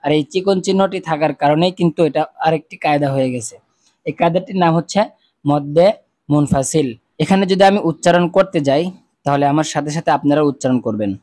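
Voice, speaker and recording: Male Quran teacher, slightly high voice, dry close mic, patient and repetitive, walks through each sound. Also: darkish tone. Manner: patient, repeats each rule and sound slowly for viewers to echo. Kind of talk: step-by-step recitation lesson.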